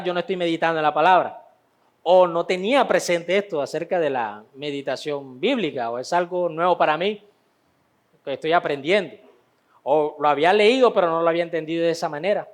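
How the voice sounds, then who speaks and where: High-voiced man teaching a Bible class. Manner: conversational, repeats phrases for emphasis.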